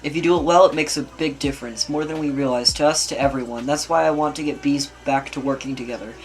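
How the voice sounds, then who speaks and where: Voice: mid-range voice, fast, lightly acted. A home reader voices an earnest male bee in a casual script reading. He rallies his fellow bees in a mid-range, everyday voice. The music underneath is faint.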